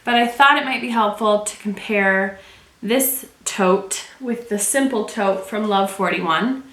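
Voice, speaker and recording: Unhurried and medium-pitched, with a bit of brightness, a Michigan woman talks chattily to her viewers while handling and reviewing a leather tote she's unboxing in a room at home. The recording has an echoey room sound with faint noise.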